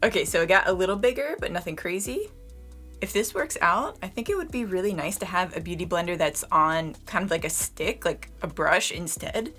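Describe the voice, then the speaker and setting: A young woman giving a casual beauty product review. She is slightly hoarse and talks to her viewers in a chatty way, often using "like" as a filler. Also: lowish voice, animated, fairly quick, sharp tone, faint music behind. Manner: chatty, addresses viewers as "you guys", frequent "like" fillers. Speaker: beauty vlogger.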